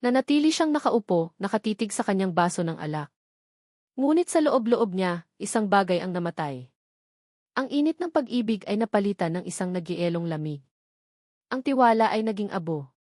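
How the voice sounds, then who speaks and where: The narrator of this scripted romance drama is a woman with a Filipino accent whose medium-pitched voice sounds expressive and somewhat dark, moving at normal speed. It's a clean, dry studio recording.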